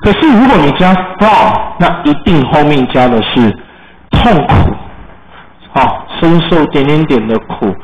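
A man's voice: a little high, sing-song, a little slow. A man with a Taiwanese Mandarin accent teaches English vocabulary to a class, spelling each word letter by letter. His voice fills a roomy classroom. The recording is muffled and carries a faint hiss. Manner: spells words letter by letter, explains in Chinese. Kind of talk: classroom lesson.

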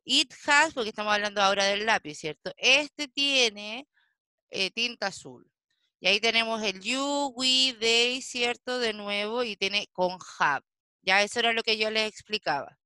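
Slow, bright-voiced woman teacher. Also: a little high, smooth, no echo. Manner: slow, patient explaining with frequent checking questions. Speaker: English teacher. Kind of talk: online class lesson.

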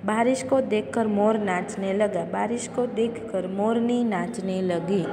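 A woman's voice: medium pitch, a little slow, crowd noise. Woman teacher explaining lessons in an echoey room. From Gujarat, India. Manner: reads lines aloud then re-explains them patiently in plain words. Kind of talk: classroom explanation. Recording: echoey room with long reverb and faint hiss.

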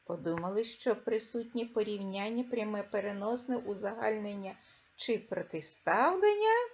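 A woman teacher giving a reading lesson to young children, speaking clearly and with emphasis and stressing each word. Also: mid-range voice, expressive, moderate pace, muffled recording. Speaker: primary school teacher.

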